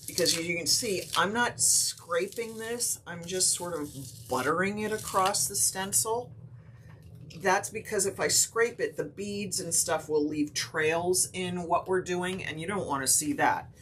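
Explaining a craft technique step by step on a live stream, this woman instructor is relaxed and chatty, using many fillers and small hiccups. She speaks at a measured pace in a lowish voice, and there is slight hiss or hum.

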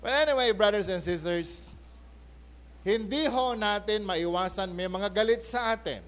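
A male pastor's Sunday sermon in a church mixes Tagalog with English. He preaches with animation, often asks for an amen, and swings between loud bursts and soft asides. His voice is high-pitched and his delivery unhurried.

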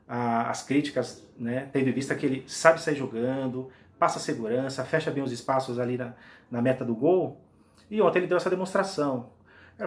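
A man in his forties, a football fan vlogger from Brazil, chatting to camera in a small room, enthusiastic and rambling with many restarts. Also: mid-range voice. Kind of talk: casual fan commentary to camera.

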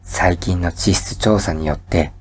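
A man giving soft, breathy pillow-talk narration of a scripted lecture, calm and soothing, as if lulling someone to sleep. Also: low voice, a little hiss or hum. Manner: calm, soothing, measured bedtime delivery.

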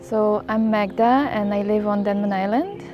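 A woman's voice: medium pitch, moderate pace, dull audio. A woman from Poland speaking candidly in an interview while seated in a garden. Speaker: podcast host, interviewee. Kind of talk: interview talk. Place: garden, outdoors. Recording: faint music under the voice. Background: music.

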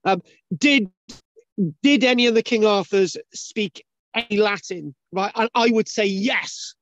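This host is a man with a high, slightly slow and somewhat bright voice, speaking English as his first language. His casual video-call chat wanders, full of restarts, fillers and frequent "right?" checks. There's no echo, though the call audio sounds dull and lo-fi.

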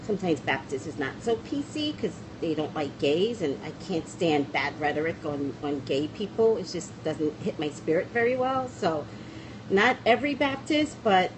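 A middle-aged psychic livestream host speaks in a lowish, expressive voice at a moderate pace, her casual chat rambling and repeatedly trailing off before restarting. A phone camera at arm's length films her in a small room against a plain wall, with a noisy background.

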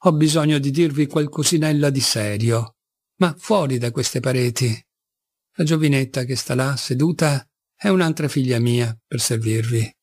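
A man's voice: medium pitch, moderate pace, a little mellow, lightly acted. A man reading an audiobook, voicing a poor middle-aged captain who talks in a theatrical, fawning and bitterly ironic way.

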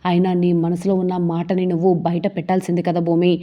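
A woman retelling a TV serial episode, reading every character's lines in her own steady voice. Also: lowish voice, fast talker, lo-fi sound. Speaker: serial recap narrator.

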